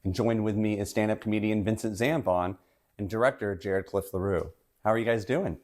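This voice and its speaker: Brief: lower-voiced male interviewer with grand, deadpan solemnity. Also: fairly quick. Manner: pompous, solemn delivery. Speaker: mock podcast host. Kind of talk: deadpan mock-serious interview.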